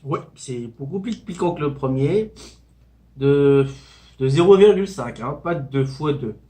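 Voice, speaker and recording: A man's voice: medium pitch, animated, measured pace, dark tone. A man giving a casual mukbang-style food review, talking between bites as he eats spicy noodles.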